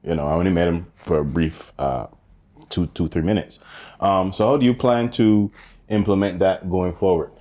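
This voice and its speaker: A man from Jamaica co-hosts a relaxed comedy podcast in a low, deep voice. He asks questions with repeated starts and fills the pauses with short acknowledgments. He keeps to a steady, conversational pace. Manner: steady listener, frequent "right" backchannels, repeats words. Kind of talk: casual podcast chat.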